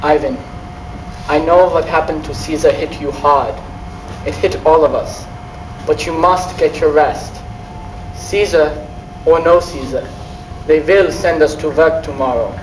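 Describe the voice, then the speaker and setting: A man plays a sober, consoling camp inmate in a drama, earnest and fairly high-voiced. He sounds back from the mic in an echoey space. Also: a little slow, pauses often, lightly acted. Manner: earnest, reasoning. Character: sober, consoling older-brotherly fellow prisoner. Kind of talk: dramatic acting. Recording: echoey, distant mic, faint noise.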